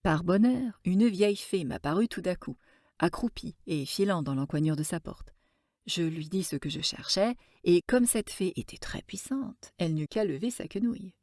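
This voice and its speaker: A woman storyteller reading a classic tale aloud with gentle, expressive narration. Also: on the low side, normal speed, no echo, studio quality.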